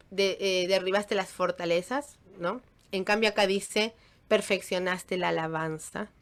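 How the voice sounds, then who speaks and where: Woman teaching the Bible, chatty. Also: medium pitch. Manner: conversational, many fillers and restarts.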